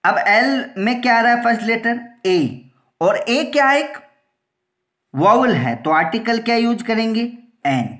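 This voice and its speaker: A woman's voice: a little high, animated, measured pace, fairly bright tone. A woman teacher giving a grammar lesson, patiently going step by step, repeating herself and answering her own questions. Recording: echoey room.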